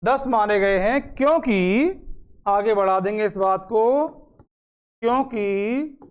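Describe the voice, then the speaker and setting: A man teaching a grammar lesson, dictating slowly, repeating phrases and asking questions he then answers himself. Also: high-pitched, clean tone. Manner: slow, repeats phrases for note-taking, asks and answers own questions.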